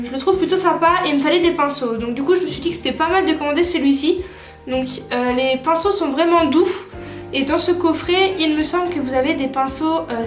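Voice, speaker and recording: A young woman with a high, light voice talks her viewers through her makeup in a relaxed, chatty way, often pausing on fillers and correcting herself. Her voice rings in a roomy space, with faint music playing underneath. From France. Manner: chatty, many filler "euh" and self-corrections. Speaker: beauty vlogger. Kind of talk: casual makeup tutorial chat. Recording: roomy echo with soft music behind.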